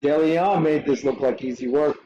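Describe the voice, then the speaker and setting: A man hosting a live stream, reacting to a fight in short, excitable bursts and swearing freely. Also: a little high, normal speed, lo-fi sound. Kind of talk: casual live watch-along commentary.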